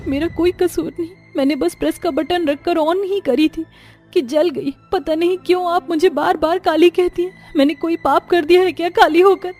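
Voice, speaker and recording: A woman's voice: fairly high pitch, warm tone, lightly acted. Woman voicing a meek pleading young bride. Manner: pleading, humble. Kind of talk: dubbed cartoon story voice.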